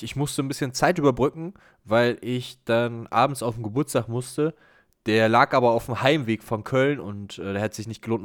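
A man co-hosting a casual podcast, telling an anecdote in an animated way and acting out bits of dialogue. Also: mid-range voice. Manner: animated, acts out dialogue, quick asides. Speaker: podcast co-host. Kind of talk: casual storytelling chat.

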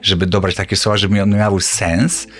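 A middle-aged man co-hosting a casual chat, animated and laughing often. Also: fairly quick, faint music behind. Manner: animated storyteller, laughs often, jumps up in pitch when excited. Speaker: podcast co-host.

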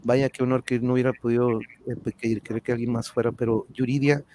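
A Mexican man hosts a livestream in a casual, conversational way. His pitch sits in a normal male middle range, and he speaks in slangy, thankful phrases, addressing his viewers directly. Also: level tone, fast, dark tone, slight background noise. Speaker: livestream channel host.

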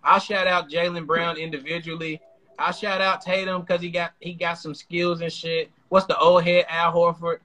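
Podcast dude, bright forceful voice, cussing loud. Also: male voice, on the high side, level tone, moderate pace. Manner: loud, profane, emphatic. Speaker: podcast co-host. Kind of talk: casual chat.

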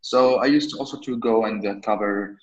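A man's voice: fairly low pitch, fairly quick, muffled recording. A man in his twenties from Lebanon, a podcast guest answering questions casually, rambling with many restarts and fillers. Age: 20s.

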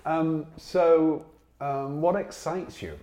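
A man's voice: fairly high pitch, fairly even intonation, takes it slowly, crowd noise. A man hosting an interview, asking questions and backing the guest with frequent affirmations. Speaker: interviewer, co-founder of the show. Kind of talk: interview conversation.

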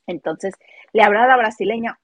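A woman with a Mexican accent chatting casually about gossip, animated and mimicking people as she talks. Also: mid-range voice, brisk, slightly rough, no echo. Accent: Mexican Spanish. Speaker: host.

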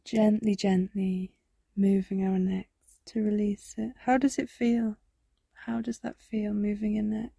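A woman guiding a body scan meditation, speaking softly and soothingly, often slipping into a whisper. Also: mid-range voice, fairly even intonation, gravelly, breathy edge, no room sound, studio quality. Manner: slow, soft, soothing, drifting into whispers. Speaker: meditation guide.

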